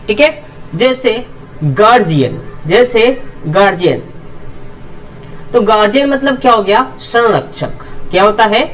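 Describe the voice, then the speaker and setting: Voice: medium pitch, fairly bright tone, far from the mic, rough recording. A teacher explaining English pronunciation, answering their own rhetorical questions and drilling each word with its meaning. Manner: repeats rhetorical questions and answers them itself; drills word pairs slowly, word then meaning. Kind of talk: explanatory lesson.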